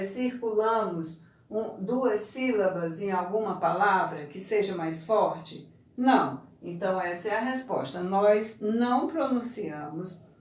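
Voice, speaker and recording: A woman teacher giving a recorded lesson to young children, stretching out words slowly to show the stressed syllable. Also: medium pitch. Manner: slow, drawn-out word stressing for children. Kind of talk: recorded remote class lesson. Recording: echoey room, voice from far off.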